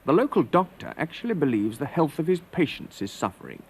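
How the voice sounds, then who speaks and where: Male reporter, husky mid-pitched voice, animated intonation. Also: a little fast. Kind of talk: scripted report and interview questions.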